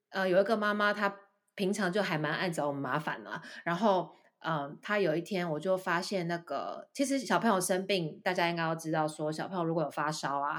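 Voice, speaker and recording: A woman with a Taiwanese Mandarin accent, chatting casually on a podcast and telling stories as a teacher, acting out the parents she quotes. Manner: animated storytelling, acting out a parent in a high voice. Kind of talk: casual chat, storytelling.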